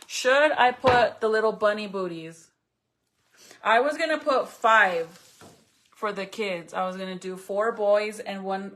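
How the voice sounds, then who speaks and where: A woman vlogger with a gravelly, slightly bright mid-range voice works on a craft project. Originally a Spanish speaker, she chats casually and bluntly with her viewers and commenters, swearing as she goes.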